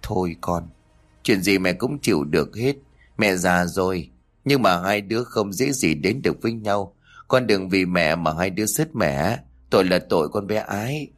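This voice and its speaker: A man's voice: sits low, expressive, normal speed. A man doing a frail, weak-voiced old mother. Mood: resigned. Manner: weak, sorrowful.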